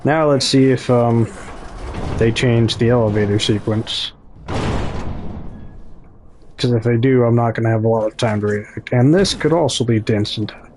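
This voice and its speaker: A man's voice: medium pitch, normal speed, long pauses, darkish tone, slight background noise. Chatty Midwestern man narrating gameplay. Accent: Midwestern American. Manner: chatty, self-correcting, talks to viewers. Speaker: gaming YouTuber. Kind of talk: casual gameplay commentary.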